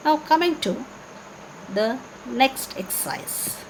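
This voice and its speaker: A woman's voice: high-pitched, animated, slow. A woman teaches a children's class, explaining in simple words with questions and repetition. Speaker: primary school teacher. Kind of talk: children's online class lesson. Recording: noticeable background noise.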